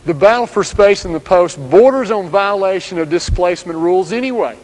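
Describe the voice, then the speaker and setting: A man reads a script as a basketball coach, delivering instructions as steady, direct commands. His voice is high and brisk, and the audio quality is poor.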